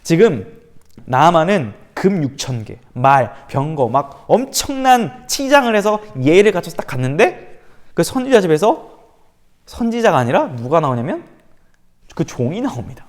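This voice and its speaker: A male pastor giving a youth sermon, telling the story with animated, acted-out quotes. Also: on the high side, normal speed. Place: church room for online service.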